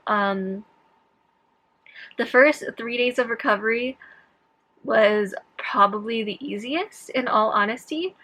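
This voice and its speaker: A young woman talks casually to her vlog viewers in a clearly bright, sharp-edged voice of average pitch. Her throat is sore after tonsil surgery, so some words come out with difficulty. She recounts things in a scattered way, often breaking off and picking up again. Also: poor audio. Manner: scattered, self-interrupting. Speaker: vlogger.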